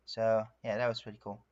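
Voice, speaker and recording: A man's voice: fairly low pitch, a little mellow, lo-fi sound. French man chatting on a livestream. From France. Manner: rambling and self-narrating, many fillers. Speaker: streamer. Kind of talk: casual live-stream chat while drawing.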